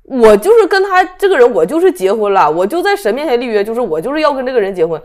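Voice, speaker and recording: A woman's voice: fairly high pitch, big pitch swings, fast, a little mellow. A woman in her thirties hosting a casual talk show, speaking emphatically and firing off indignant rhetorical questions. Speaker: host. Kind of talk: casual political chat.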